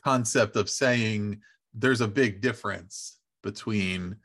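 A man's voice: fairly low pitch, slow pace, fairly bright tone. A man hosting an interview podcast, asking long, winding questions with frequent restarts. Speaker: podcast host.

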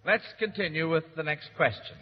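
Hosting a vintage radio quiz show, a man speaks briskly in a fairly high voice, with a warm, folksy, somewhat hesitant, uncle-like manner. The sound is muffled, echoey and faintly noisy, typical of an old broadcast.

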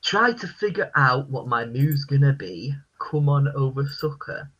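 Deadpan man reading lyrics aloud. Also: medium pitch, unhurried, breathy edge, muffled recording. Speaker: quiz host. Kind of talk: casual podcast quiz.

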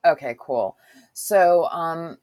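A woman's voice: low-pitched, slow pace, a little mellow, no echo, rough recording. A woman hosting a casual interview with a chatty, curious, self-deprecating manner, who also reads a passage aloud. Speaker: podcast host.

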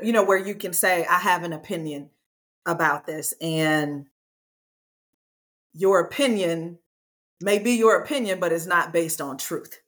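A woman hosting a faith podcast, affirming her guest and summing up her points in a reflective way. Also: on the low side. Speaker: podcast host.

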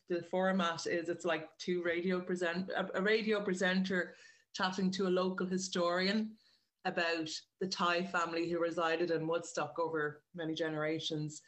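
An Irish woman who writes and directs chats casually as an interview guest, explaining her work in a meandering way and correcting herself as she goes. Her voice is lowish and a bit bright.

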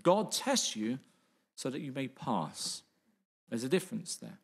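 A man's voice: medium pitch, very animated, a little slow, creaky, slightly rough. A middle-aged man preaching a sermon as pastor, earnest, asking rhetorical questions and repeating key phrases.

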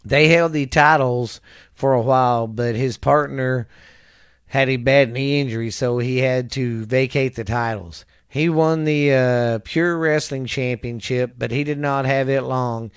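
A man's voice: medium pitch, fairly even intonation, unhurried, smooth, dry recording, studio quality. A man hosting a casual podcast, reading a wrestling history recap from notes, often stumbling over names, correcting himself and chuckling at his slips. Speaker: podcast host.

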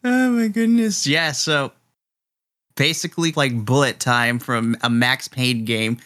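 A man running a tabletop game as dungeon master, animated and laughing often. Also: mid-range voice, measured pace.

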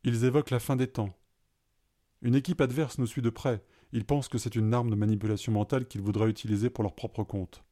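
A man reading a story aloud, voicing a calm, matter-of-fact companion who reassures the others. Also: mid-range voice, fairly quick, close to an everyday voice. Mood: explaining. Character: calm pragmatic male companion.

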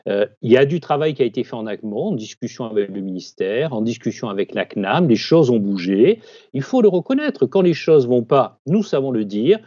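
A man's voice: mid-range voice, big pitch swings, a little fast, mellow, no echo, highs cut off. A man who leads a doctors' union, giving firm, persuasive interview answers.

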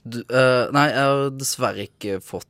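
A man's voice: mid-range voice, a bit bright, no room sound. A man talking as a radio studio guest, hesitant and thoughtful. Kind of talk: casual radio chat.

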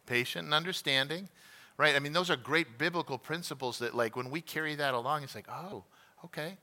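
A man's voice: on the high side, a little fast, bright, forceful tone. A middle-aged male pastor teaching a conversational sermon class, telling home stories and asking the room questions. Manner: conversational, self-deprecating, asks the room questions.

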